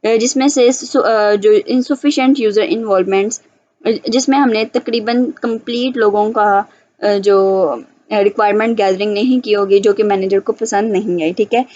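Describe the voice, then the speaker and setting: A woman teaching from handout notes, reading English lines slowly and then explaining them in a chatty way with many fillers. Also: medium pitch, steady tone, a little mellow, no room sound. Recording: slightly dull lo-fi audio.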